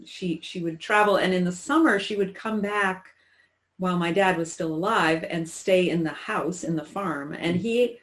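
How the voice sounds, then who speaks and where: Reflective woman in her sixties, halting. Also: fairly low pitch, low-quality recording. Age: 60s. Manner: halting, reflective, many restarts. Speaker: interview guest. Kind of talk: personal recollection in conversation.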